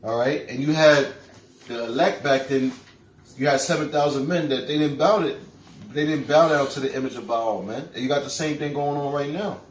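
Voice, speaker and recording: A man's voice: on the high side, moderate pace. A man in casual religious talk, rambling, repeating himself and tagging lines with "man". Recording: roomy, distant mic with faint noise.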